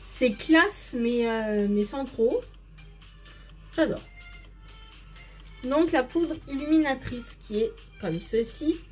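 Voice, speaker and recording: A woman hosting a casual live makeup stream, chatting to viewers by name and explaining each step as she goes. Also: on the high side.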